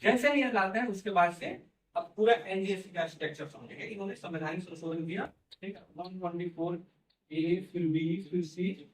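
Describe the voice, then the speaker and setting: This man teaches at a normal speed in a high voice, breaking the lesson into steps and often checking on his students with "theek hai" and "hai na." The classroom recording is echoey and far off, since he speaks without a microphone.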